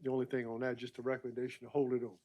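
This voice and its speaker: A man presenting permit items at a public meeting, halting with many fillers and clearing his throat often. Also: medium pitch, monotone, mellow, muffled recording.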